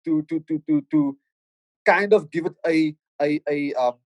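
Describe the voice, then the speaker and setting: Into a dry close mic, a middle-aged Cape Town-accented podcast guest, a rapper and producer from the Cape Flats, South Africa, thinks aloud with a voice sitting a bit high. He keeps restarting phrases in stammers as he reflects, at a measured pace and in a darkish tone. The setting is a casual podcast conversation.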